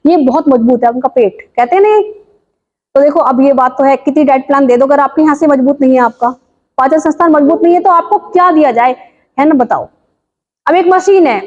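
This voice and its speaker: A woman teaching yoga and diet in an informal talk, asking listeners lively rhetorical questions. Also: high voice. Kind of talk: informal health talk to viewers. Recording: dull lo-fi sound.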